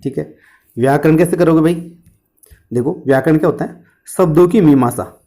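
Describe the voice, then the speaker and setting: Brief: male exam coach with a lilt, mellow tone, answers his own questions with mnemonics. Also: fairly high pitch, moderate pace. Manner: explains with questions and answers to himself; uses memory tricks and jokes. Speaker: teacher. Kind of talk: exam-prep history lesson.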